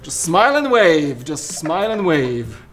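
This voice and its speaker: In a spacious studio crowded with shelves, a man from Poland in his thirties answers viewer questions as a co-host, joking and letting sentences trail off. He speaks with a Polish accent in a slightly high, sing-song voice, a little slowly, over faint background music.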